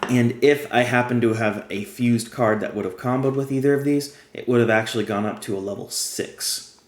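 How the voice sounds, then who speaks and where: A man's voice: mid-range voice, steady tone, moderate pace, roomy sound, a little hiss or hum. A man who is losing his voice, chatting casually as he plays and explains a card game step by step. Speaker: game guide creator. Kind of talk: casual gameplay tutorial.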